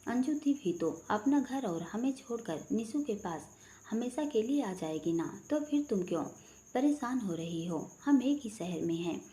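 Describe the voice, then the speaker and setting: Lady voicing a young guy teasing his fiancée, playful and sweet, mellow warm tone. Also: fairly high pitch, natural voice. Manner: playful, coaxing, affectionate.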